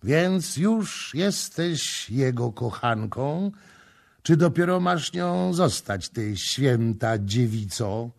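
A man reading the part of a proud young prince in an audiobook, forceful and commanding. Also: medium pitch, lively intonation, takes it slowly, voice pushed up.

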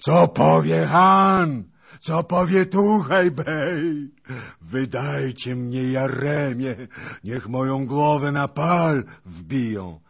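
A man voicing a defeated Cossack hetman who roars hoarsely in despair, in a storybook reading. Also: medium pitch, extremely slow, voice pushed up, exaggerated voice. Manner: roaring in despair.

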